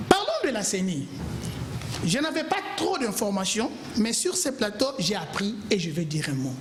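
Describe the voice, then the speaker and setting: A panelist from Kongo Central, DR Congo, argues emphatically in a political TV debate in a studio, sounding impassioned and pleading. His voice is extremely high-pitched, with reverberation and a noisy background.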